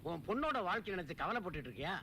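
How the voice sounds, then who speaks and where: A worldly, teasing friend with a rather high, bright voice. He ribs his pal and dispenses cheeky advice in comic film style. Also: sing-song, very fast, a little hiss or hum, heavily acted. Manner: teasing, giving bold advice.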